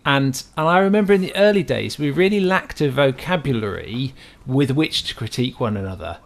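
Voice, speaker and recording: A man's voice: mid-range voice, animated, a little fast, vocal fry. A man hosting a podcast interview, reflective and friendly, with light joking. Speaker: podcast host. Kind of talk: conversational interview.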